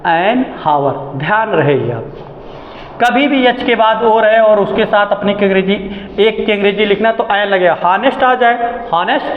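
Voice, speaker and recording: A man teaching an English grammar lesson, asking the class questions and answering them himself, drawing out key words slowly. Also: high-pitched, lively intonation. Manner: slow and deliberate, stretching out key words. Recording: echoey, dull lo-fi classroom recording.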